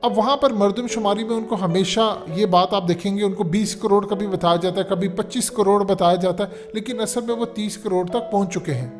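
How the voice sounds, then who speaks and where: A man's voice: high voice, steady tone, brisk, few pauses, soft background music. A man from Pakistan, giving emphatic, lecturing political commentary as a show's host. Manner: emphatic, lecturing, repeats "dekhiye".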